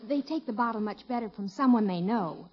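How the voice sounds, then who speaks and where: A woman playing a protective, gently firm young mother in an old radio comedy. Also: a little high, animated, a little fast. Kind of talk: 1950s radio comedy acting. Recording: muffled old radio recording.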